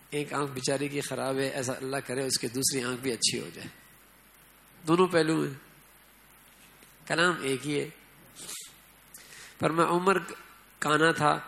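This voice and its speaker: Gravelly-voiced male preacher. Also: a little high, a bit bright, rough recording. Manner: conversational, asks the audience often. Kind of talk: Islamic sermon.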